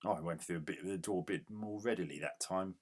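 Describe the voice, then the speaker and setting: A man giving casual gameplay commentary as a retro game reviewer, grumbling in exasperation and yelling at the game. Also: low-pitched, quick pace.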